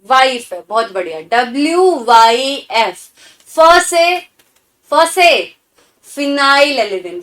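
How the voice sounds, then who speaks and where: High-voiced woman drilling students. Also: fairly bright tone. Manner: drills students with call-and-response repetition; urging and encouraging. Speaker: teacher. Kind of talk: exam-prep lecture with drill.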